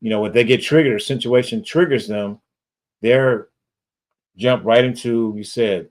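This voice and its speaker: A man's voice: mid-range voice, a little slow. A man hosting a podcast, asking casual, rambling questions with lots of fillers. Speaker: podcast host. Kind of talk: podcast interview.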